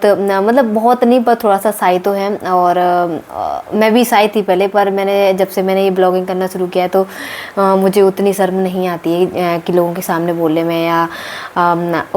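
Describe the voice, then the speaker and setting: A woman chats casually to her viewers in a late-night vlog from home, filling her pauses with hums and clearing her throat. Her voice sits at an ordinary middle pitch. A faint hiss runs under the recording. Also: a little mellow. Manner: chatty, many fillers and throat clearing. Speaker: vlogger.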